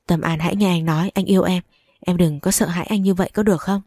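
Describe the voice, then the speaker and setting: A woman's voice: fairly low pitch, fairly even intonation, fast talker, darkish tone, no room sound, clean studio sound. A woman reading an obsessive pushy ex-lover. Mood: pleading. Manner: insistent, pleading then menacing.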